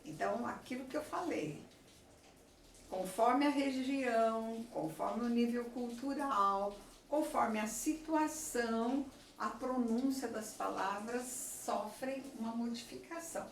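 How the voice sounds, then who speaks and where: Slow-talking woman teacher. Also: fairly high pitch, creaky. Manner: slow, explanatory, checks in with the class often. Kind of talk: classroom lecture. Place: classroom with a chalkboard. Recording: echoey room, voice from far off, faint noise.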